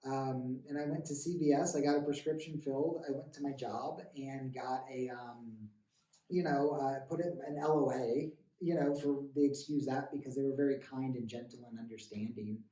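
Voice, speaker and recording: Halting, earnest man, heard from afar. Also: mid-range voice, steady tone, mellow. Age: 30s. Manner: earnest, halting, with many stammered restarts. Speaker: guest sharing a recovery story. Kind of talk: emotional personal testimony. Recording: roomy, distant mic.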